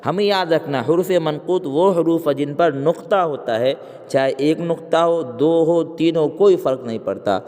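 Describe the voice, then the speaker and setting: A man's voice: on the high side, darkish tone, in a large hall. A man teaching an exam-prep grammar lesson. He asks questions, answers them himself and counts the letters aloud.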